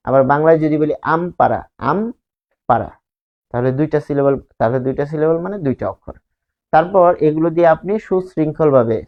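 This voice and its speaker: A man from Bangladesh, teaching a grammar lesson, explaining slides and asking and answering his own questions. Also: mid-range voice. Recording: slightly dull lo-fi recording.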